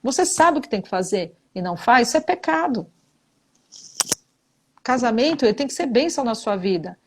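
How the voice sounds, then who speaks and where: A woman's voice: on the high side, very animated, normal speed, slight background noise. A middle-aged woman, a psychologist, giving blunt, emphatic relationship advice in a live talk, repeating her key points with religious framing. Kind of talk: live advice talk answering viewer questions.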